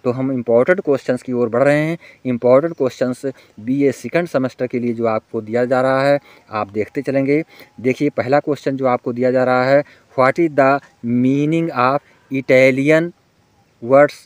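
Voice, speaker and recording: A male teacher giving an exam-prep lecture in Hindi. He explains each point, slowly reads out English questions word by word, and keeps calling his listeners friends. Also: mid-range voice, steady tone, a little mellow, no room sound.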